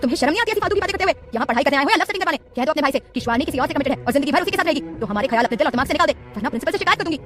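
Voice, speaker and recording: A teenage schoolgirl, shy but fierce, with a sharp, scolding tongue, as a woman narrator acts her out. The voice is high and very fast, like a character in a storybook. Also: steady tone, lightly acted. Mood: angry.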